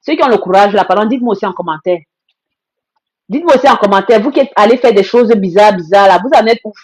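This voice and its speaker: A woman's voice: medium pitch, fast talker, slightly rough. A woman hosting a live stream, talking in a blunt, emphatic way with lots of repeated phrases and greetings to viewer comments. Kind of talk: casual live-stream monologue.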